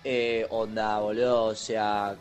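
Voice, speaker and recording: A man's voice: lowish voice, level tone, slow, soft background music. A man doing a drawling posh Argentine bro. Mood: chummy. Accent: Argentine Spanish. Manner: drawling slang-heavy chatter with English words. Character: posh young rich man sending a voice message to his friend.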